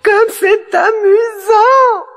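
A man voicing an impatient young princess in a storybook reading, shrill and theatrical. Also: sing-song, unhurried, full character voice. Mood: delighted. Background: music bed.

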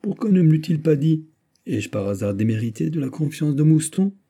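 Brief: a male reader voicing a clever musketeer, wry and quick, low husky tone. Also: expressive, warm tone. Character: shrewd quick-witted male musketeer, middle-aged.

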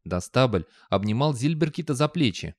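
A man narrating an audiobook in a measured, expressive reading on a close studio mic. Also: mid-range voice, no echo. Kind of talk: scripted narration.

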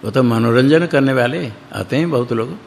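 A man's voice: medium pitch, normal speed, vocal fry, a little hiss or hum. A man teaching scripture, talking in loose, repetitive phrases and reciting Sanskrit verses. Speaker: spiritual teacher. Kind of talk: scripture discourse in Hindi. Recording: long hall reverb.

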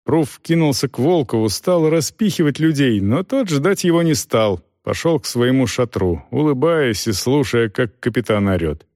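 A man's voice: medium pitch, lively intonation, moderate pace, few pauses, darkish tone, no room sound, clean studio sound. A man narrating a novel aloud, voicing many characters with expression. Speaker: audiobook narrator. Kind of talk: scripted narration.

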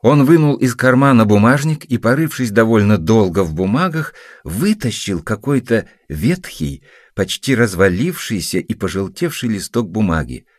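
A man narrating an audiobook in an expressive reading. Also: fairly low pitch, normal speed, hardly any pauses, no room sound. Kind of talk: scripted narration. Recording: dry close studio sound with faint music.

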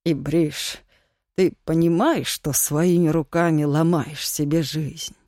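A reader voicing the stern older head of a youth colony, gruff and slow in a storybook reading. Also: medium pitch, steady tone, a little mellow, no room sound, clean studio sound, close to an everyday voice.

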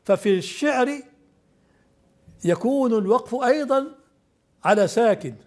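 Higher-voiced older man explaining poetry. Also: lively intonation. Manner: measured, explanatory, asks questions of the student. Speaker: teacher of classical poetry.

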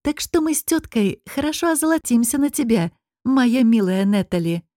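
A woman voicing a sneering, smug male high demon nobleman in an audiobook, with a mocking, taunting drawl. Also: big pitch swings, normal speed, dark tone, dry recording, studio quality. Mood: gloating. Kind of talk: audiobook character reading.

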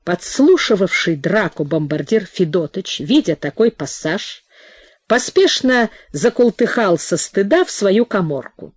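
A woman reading a novel aloud in expressive audiobook narration. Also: medium pitch, measured pace, no echo. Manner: expressive storytelling. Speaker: audiobook reader.

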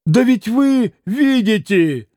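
A man's voice: high-pitched, expressive, slow, warm tone, dry recording, studio quality, pitched above the performer's own voice. A man reading as a desperate, pleading captain. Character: desperate pleading poor male army captain.

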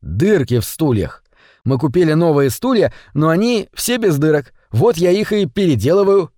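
A man's voice: fairly high pitch, big pitch swings, moderate pace, warm tone, no echo, clean studio sound. A man voicing a cheeky, inventive young boy who talks in a boastful, matter-of-fact way. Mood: self-satisfied.

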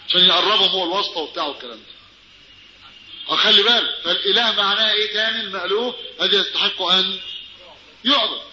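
A man with an Egyptian Arabic accent giving a religious lesson on prayer, animated and full of rhetorical questions to his listeners. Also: high voice. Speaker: preacher. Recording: dull, roomy recording with faint noise.

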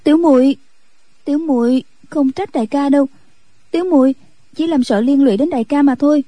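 A woman voicing a timid, gentle young nun who pleads anxiously in an audiobook. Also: no room sound, natural voice. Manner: higher, pleading, rushed voice.

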